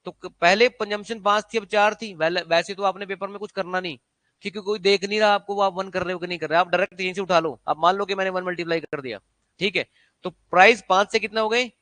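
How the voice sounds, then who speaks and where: Male maths teacher, exam coaching; high, bright voice, dry close sound, drills students with quick check-questions. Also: steady tone, dry recording. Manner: quizzing students with repeated rhetorical questions. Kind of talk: exam-prep maths lesson.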